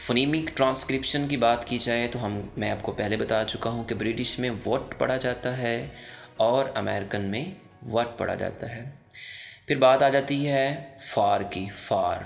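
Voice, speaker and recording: A man with a Pakistani accent teaching English pronunciation in a voice-over, explaining slowly and repeating each example word several times. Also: mid-range voice, gravelly, soft background music. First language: Urdu. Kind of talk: pronunciation lesson.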